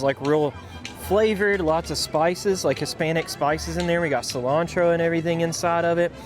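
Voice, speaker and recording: American man, vlogger, slightly high voice, casual folksy chat, enthusiastic, music in background, theme park. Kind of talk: casual on-location vlog chat. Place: theme park, shop and outdoor food areas. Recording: music behind, outdoor park sound.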